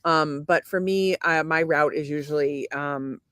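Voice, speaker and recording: A woman's voice: deep voice, steady tone, measured pace, fairly bright tone, clean tone, no echo. Rambling woman podcaster, dry close sound. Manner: rambling, swears freely, lists remedies with many fillers. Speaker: podcast co-host. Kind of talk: casual chat.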